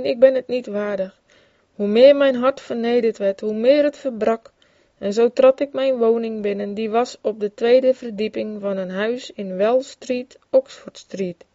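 A woman's voice: on the high side, mellow, no echo. A woman reading aloud an old devotional memoir, in an earnest tone that grows fervent in its exclamations. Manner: earnest, with rising fervor in exclamations. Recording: dull, dry lo-fi recording.

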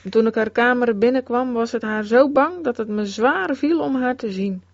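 A woman giving a solemn, measured scripted narration of a religious memoir. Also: a little high, dry recording. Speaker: reader. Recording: dull, dry close recording.

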